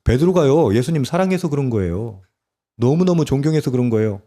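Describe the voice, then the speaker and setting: Male pastor, mid-pitched, warm dark tone, sermon delivery, lots of rhetorical questions to the congregation. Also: lively intonation, brisk. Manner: repeats key words in short emphatic phrases.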